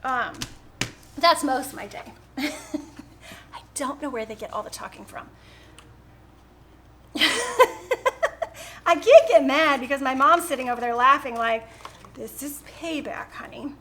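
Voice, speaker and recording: A woman's voice: high-pitched, measured pace, pauses often, bright, forceful tone. A woman hosting a live painting stream from home, chatting casually and rambling, laughing often. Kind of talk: casual chat while painting.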